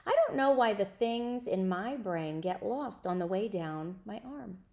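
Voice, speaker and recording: Reading from a children's novel, a woman tells the story expressively in a mid-range voice at a measured pace.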